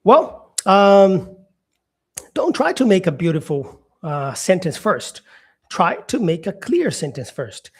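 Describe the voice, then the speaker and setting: A man's voice: high voice, very animated, slow, husky. Man from Brazil teaching English live. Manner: repeats himself, answers viewer comments, frequent "yeah" and "um". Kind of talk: live-streamed English lesson.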